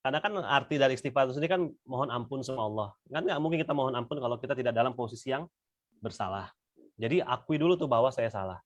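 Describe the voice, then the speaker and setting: A man's voice: medium pitch, fast talker, dry recording, muffled recording. Man, religious study speaker, conversational, dry close sound, video call. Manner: relaxed conversational, addresses listeners as "Bapak Ibu". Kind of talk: informal religious teaching.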